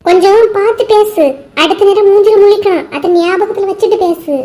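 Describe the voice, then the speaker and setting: A woman's voice: very high-pitched, fairly even intonation, brisk, mellow. A woman voicing a gossipy, touchy village wife in a cartoon, speaking in a Kanyakumari Tamil accent and complaining in a whiny, self-pitying way. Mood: catty. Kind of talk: cartoon voice acting.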